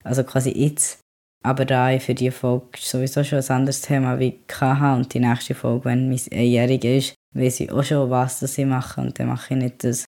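A young man hosting a podcast, talking calmly and quietly in casual chat. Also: medium pitch, normal speed, gravelly. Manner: calm, quiet talker, rises when emotional. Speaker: podcast host.

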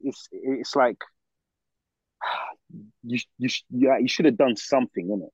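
A man's voice: mid-range voice, a little slow, breathy edge, no room sound, muffled recording. A young man with a London roadman accent chatting casually about football as a podcast co-host, repeating phrases in stop-start slang. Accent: London, urban roadman slang.

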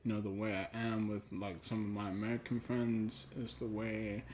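There's slight background noise as this Ghanaian podcast host, a native Twi speaker, reflects casually in a hesitant, thoughtful way, letting pauses trail off. His voice sits fairly low, a little mellow, with little pitch movement.

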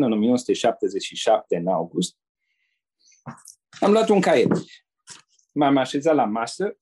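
Older male ex-diplomat telling anecdotes, husky dark tone, relaxed, talks to the listener in asides. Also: medium pitch. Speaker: former diplomat and interpreter. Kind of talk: anecdotal storytelling.

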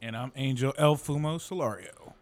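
A man's voice: mid-range voice, moderate pace. A man co-hosting a podcast, chatting casually in an offhand, informal way. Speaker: podcast co-host. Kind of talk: casual chat.

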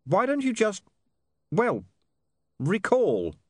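Man putting on a wry young guy, a bit higher, understated, dry sound. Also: wildly swooping pitch, takes it slowly, no room sound, exaggerated voice.

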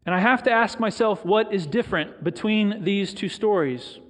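A middle-aged man preaching a sermon as pastor, reflective and storytelling, with pauses for emphasis. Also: high voice. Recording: long reverb of a large hall.

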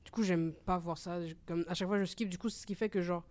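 A young woman with a medium-pitched voice in a casual chat. She phrases things in slang and circles back over the same words while working out what she means. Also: fairly even intonation, fast, a little mellow. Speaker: panel participant.

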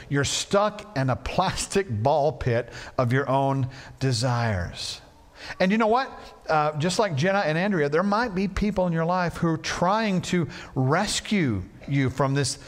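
Lively, animated male pastor preaching. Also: mid-range voice. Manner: animated storytelling with playful asides. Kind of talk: sermon. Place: church sanctuary.

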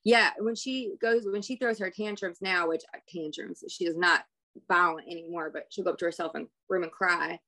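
A woman's voice: lowish voice, moderate pace, bright, forceful tone. A middle-aged woman, a parent guest in a casual conversation, speaking candidly with rambling stories and laughter.

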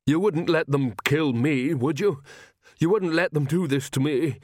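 Frantic young vampire, high, strained, stammering, put on by a male narrator. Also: unhurried, a little mellow, no echo, clean studio sound. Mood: pleading.

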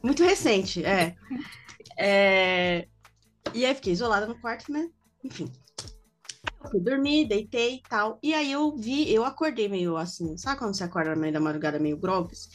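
A Brazilian woman co-hosting a casual podcast, telling a story in a relaxed, joking way with frank exclamations. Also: mid-range voice, moderate pace, soft background music. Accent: Brazilian Portuguese. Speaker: podcast co-host.

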